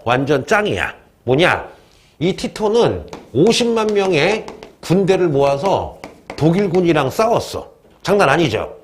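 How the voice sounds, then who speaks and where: Animated male teacher, higher pitch, swooping, playful lecture to a class, faint noise behind. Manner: lively, joking, asks the class questions and answers them himself. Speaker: history teacher.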